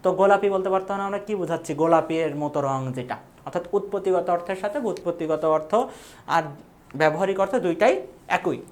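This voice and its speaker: A woman's voice: fairly low pitch, fairly quick, a little mellow. A young woman teaching an exam prep lecture, asking questions and answering them herself. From Bangladesh.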